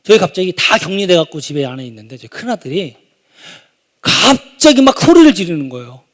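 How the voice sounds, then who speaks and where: Man, 30s, pastor, sermon, high voice, very lively pitch, quiet asides and loud bursts. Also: fairly quick. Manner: animated, swings from quiet asides to loud exclamations. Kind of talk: sermon with personal story. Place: church sanctuary.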